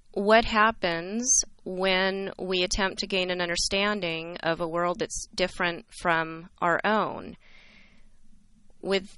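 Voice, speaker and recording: A woman's voice: on the low side, pushed and bright, clear, resonant tone, low-quality recording. A woman from California, a history instructor answering interview questions in an earnest, reflective way.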